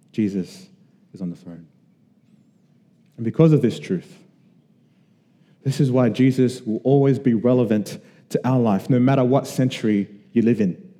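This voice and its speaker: A man from Australia preaching a sermon to a congregation, earnest and conversational with emphatic pauses. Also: lowish voice, warm tone, big-room sound. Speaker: pastor.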